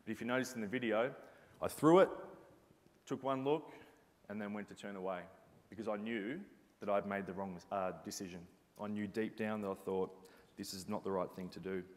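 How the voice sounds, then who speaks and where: A man's voice: on the low side, normal speed. A man giving an earnest, reflective motivational talk as a former basketball captain. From Australia. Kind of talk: motivational presentation. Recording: reverberant hall sound.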